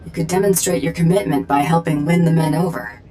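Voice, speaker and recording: A man's voice: on the high side, a little fast, dark tone, soft background music, lightly acted. A male actor playing a tough, cocky bounty hunter in a video game, terse and blunt. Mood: composed.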